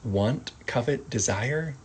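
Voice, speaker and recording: A man gives a casual lesson at a slow, unhurried pace, his pitch sitting in the middle range. He talks softly and acts out short example phrases. A faint hiss runs under the recording. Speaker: sign language teacher.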